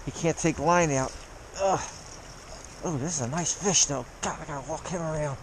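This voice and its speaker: A man's voice: a little high, moderate pace, noisy background. A man fishing in a cold creek, talking through a face mask that muffles his voice, chuckling as he chats to viewers. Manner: excited, chuckling, talks to viewers as he fishes. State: cold, frozen. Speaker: fly-fishing vlogger. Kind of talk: casual running commentary while fishing. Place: outdoors, wading in a creek. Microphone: body or handheld camera.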